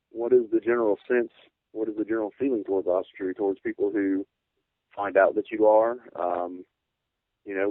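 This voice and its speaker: A man with a low, fairly flat voice speaks in a polite, measured and halting way, as in an interview. The sound is narrow and phone-like. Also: dry recording. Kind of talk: conversational interview.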